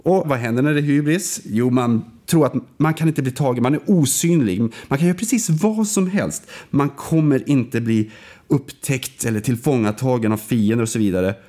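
A man in casual conversation, telling a film story with restarts and fillers. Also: warm tone. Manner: storytelling, acts out quoted lines with big pitch swings; hesitant, frequent restarts and fillers.

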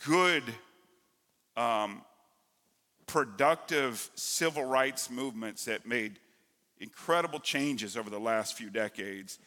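Emphatic pastor in an echoey hall. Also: male voice, mid-range voice. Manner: emphatic, rising to loud emphasis. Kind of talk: sermon. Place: church sanctuary.

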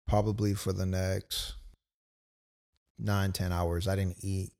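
A man's voice: low-pitched, little pitch movement, slow, gravelly, darkish tone. A young man casually telling a personal story as a podcast co-host, loose and full of quoted asides. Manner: laid-back, storytelling with many "like"s and quoted asides.

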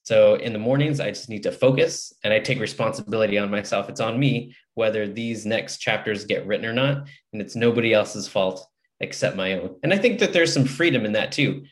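Male interview guest, slightly low pitch, conversational, earnest and motivational. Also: a little fast. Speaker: podcast guest, author and publisher. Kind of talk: casual interview chat.

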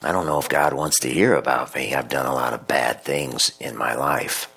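A man voicing a dying old man, using a low, gruff voice full of regret. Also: fairly even intonation, moderate pace, bright, forceful tone, full character voice. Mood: weary.

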